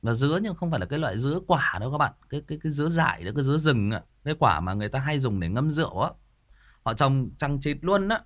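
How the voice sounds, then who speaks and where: Animated man telling a story. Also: medium pitch, fast talker. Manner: animated, rambling, with repeated words and asides to listeners. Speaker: storyteller host. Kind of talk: casual spoken storytelling to a live audience.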